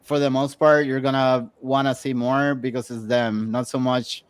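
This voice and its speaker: A man's voice: mid-range voice, flat delivery, moderate pace, clean tone, no echo. A man leading a casual group discussion, chatty and encouraging others to speak.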